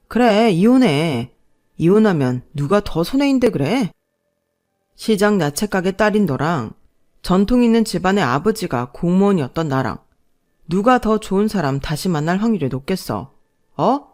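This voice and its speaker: A woman's voice: lowish voice, a little mellow. A woman voicing an arrogant young husband who talks down to his wife and mother-in-law. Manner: condescending, wheedling, then scornful.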